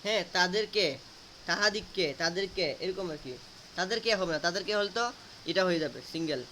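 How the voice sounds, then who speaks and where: A man's voice: high-pitched, lively intonation, moderate pace, sharp tone, a little hiss or hum. A man teaching a grammar lesson, asking students questions and repeating answers to drill them.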